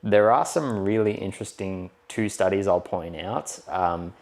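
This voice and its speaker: Very deep-voiced man chatting. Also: a little slow, vocal fry, darkish tone. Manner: chatty, explanatory, rambling with fillers. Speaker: podcast co-host. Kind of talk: casual podcast chat.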